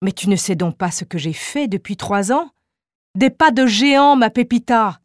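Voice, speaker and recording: A woman's voice: on the high side, lively intonation, normal speed, no room sound, studio quality, natural voice. A woman voicing a feverish, obsessed male chemist who declaims with rising fervor in an audiobook reading. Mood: exalted.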